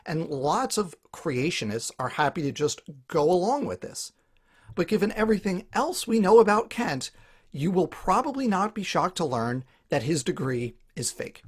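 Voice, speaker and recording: A man hosting his own video series, talking through a scripted explainer in a wry, critical way. His voice sits a little high and has a husky edge, and his pitch moves in a lively way from line to line. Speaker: YouTube channel host.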